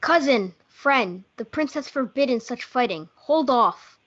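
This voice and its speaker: A woman's voice: sits high, animated, unhurried, a bit bright, exaggerated voice. A young woman playing Romeo, a passionate, hot-blooded young man, in a student readers theatre performance. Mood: fervent. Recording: muffled lo-fi home recording.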